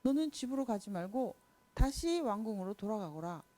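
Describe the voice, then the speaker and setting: A woman voicing God in a children's Bible story, speaking low, slow and commanding. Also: expressive, dark tone, close to an everyday voice. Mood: grave.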